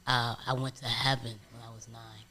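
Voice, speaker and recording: A man, a guest on a casual couch interview, telling stories in an animated way with street slang. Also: medium pitch, fairly quick.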